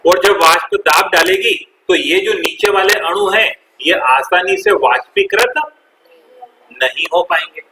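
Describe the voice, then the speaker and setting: Very animated but a little slow, a high-pitched man teaches chemistry, quizzing his class, repeating their replies, and calling students "beta" in call-and-response style. The sound is reverberant with background noise.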